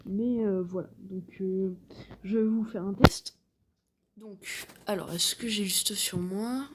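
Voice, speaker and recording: A woman's voice: medium pitch, fairly even intonation, slow, heavy background noise. Rambling woman hosting a game tutorial. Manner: rambling, filler-heavy, self-deprecating chatter. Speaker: gaming tutorial host. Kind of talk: casual screen-recorded game tutorial.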